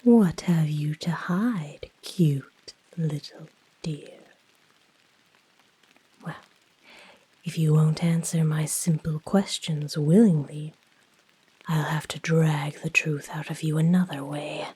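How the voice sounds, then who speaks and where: A woman voicing a female naga huntress, coaxing and softly threatening, in a breathy whispered role-play. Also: deep voice, fairly even intonation, takes it slowly, long pauses, full character voice. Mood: coaxing, probing. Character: female naga huntress, predatory, coaxing, menacing serpent creature.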